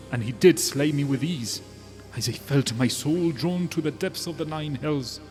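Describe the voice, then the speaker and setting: A man's voice: mid-range voice, a little mellow, natural voice. A man voicing the melancholy, anguished ghost of a writer in a tabletop game, with an unearthly, haunting voice and theatrical archaic diction. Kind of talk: tabletop role-play. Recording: long reverb, music underneath.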